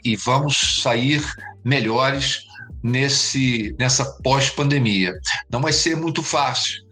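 Male expert guest, bright forceful tone, halting speech with many restarts, soft music under the voice. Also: mid-range voice, poor audio. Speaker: interview guest, urban planning expert. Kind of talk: reflective interview answers.

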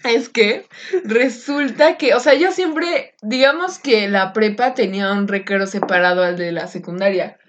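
A woman's voice: medium pitch, a little slow, lo-fi sound. A young woman with a Mexican Spanish accent, casually telling a story in a chat and acting out her own reactions. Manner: animated storyteller, laughs often, acts out her own squeals.

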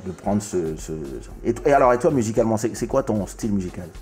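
A man's voice: fairly low pitch, expressive, fast, darkish tone. A man born in the Congo hosting a casual music interview, talking with many restarts and repeated words. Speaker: host.

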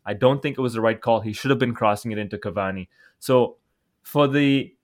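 A man in casual sports chat, arguing his opinions firmly and repeating points for emphasis. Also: medium pitch. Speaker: football podcast panelist.

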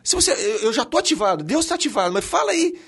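A man's voice: extremely high pitch, big pitch swings, fast, fairly bright tone, voice pushed up, heavily acted. A Brazilian-accented man voicing God in heaven, eagerly prodding with questions about what to do. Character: eager God in heaven, male, ready to act.

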